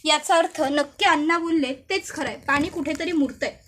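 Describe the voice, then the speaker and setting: A woman's voice: high-pitched, normal speed, fairly bright tone, slight background noise. A woman voicing a betrayed young woman who turns suspicious and vengeful, talking in an accusing, insistent way.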